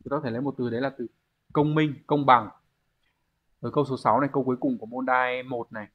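A man's voice: medium pitch, fairly even intonation, fast talker, narrow, tinny audio. Man teaching an exam review lesson. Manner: explains step by step, often asks the class to confirm. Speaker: Japanese language teacher.

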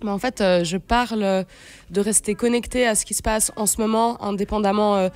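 Speaking close to a studio stand mic, this late-20s singer-songwriter, Swiss-born and in Brazil during her teens, chats casually on the radio while hunting for words. Her mid-range voice is a little mellow, brisk, and fairly even in intonation, with faint music in the background.

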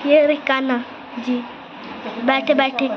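A woman with a high, level voice chats slowly into her phone as she walks around her home village, constantly urging viewers to look at things. The audio is lo-fi, with a noisy background.

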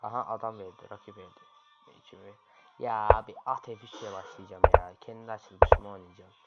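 A man's voice: lowish voice, fairly even intonation, a little fast, over loud music. A man commentating his own online chess games, grumbling and muttering in frustration at his opponent. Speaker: chess streamer. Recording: lo-fi, loud background noise.

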